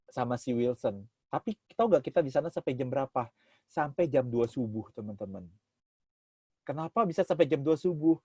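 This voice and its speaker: A man's voice: on the high side, darkish tone, dry recording. A man telling a personal story to an audience as a motivational speaker, acting out the dialogue in a livelier voice.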